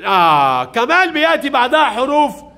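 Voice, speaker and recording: A male primary teacher runs a reading drill in a classroom, firing off brisk questions and praising each child's answer. His voice sits very high for a man, with a bright, forceful edge. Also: wildly swooping pitch, creaky. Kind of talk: classroom lesson with young pupils.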